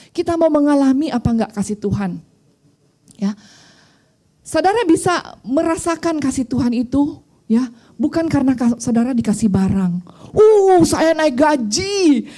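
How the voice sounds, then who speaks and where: A woman's voice: high-pitched, dark tone. A middle-aged woman pastor preaching a sermon in a conversational, storytelling way, mixing in English phrases.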